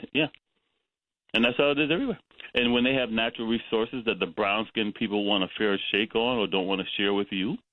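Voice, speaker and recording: A man's voice: lowish voice, no echo. A man calling in to a radio talk show, talking emphatically and going off on tangents, chuckling between his points. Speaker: caller. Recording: tinny phone line.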